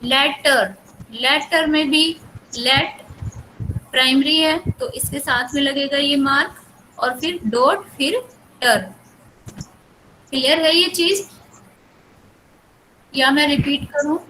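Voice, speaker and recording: Indian english teacher lady, high voice, reads really slow then explains, bit of room hiss. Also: fairly even intonation, pushed and bright, poor audio. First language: Hindi. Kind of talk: bilingual classroom lecture.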